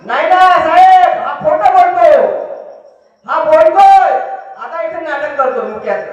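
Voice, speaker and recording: A man's voice: extremely high pitch, expressive, a little slow, darkish tone, pitched above the performer's own voice. A man voicing an indignant village woman who insists on her accusation in court, in a very echoey, distant and dull recording. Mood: accusing.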